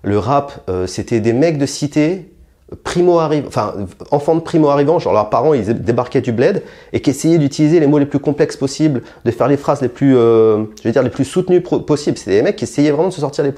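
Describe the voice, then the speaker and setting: This interviewed rapper, a young man from France, has a dark tone, lively intonation and a slightly fast delivery. He answers bluntly and provocatively, restarting often and using many fillers, growing higher and more forceful when heated.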